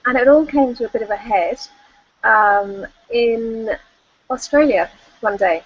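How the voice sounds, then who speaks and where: A middle-aged woman with a fairly high voice speaks at a measured pace, sharing a personal story as a life coach on an online call. She is candid and chatty, using plenty of fillers, and the call audio is dull and lo-fi.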